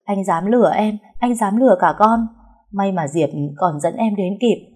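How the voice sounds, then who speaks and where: A woman's voice: on the low side, fairly quick, warm tone, husky. A woman voicing an emotional young pregnant wife, pleading and scolding through tears in an audiobook story. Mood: tearful scolding. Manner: pleading, sobbing reproach. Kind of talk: audiobook character voice.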